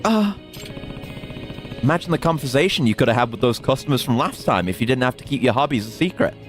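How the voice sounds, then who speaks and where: A man voicing a calm, kind young detective, reading game lines aloud in a gentle, earnest way. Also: mid-range voice, fast, faint music behind, natural voice. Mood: reassuring.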